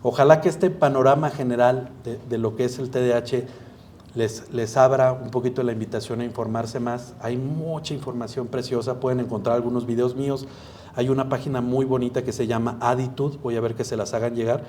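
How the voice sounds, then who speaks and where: A man with a Mexican accent, a psychiatrist giving a live masterclass talk and acting out dialogues with an animated manner. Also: medium pitch, brisk, a little hiss or hum. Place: event hall.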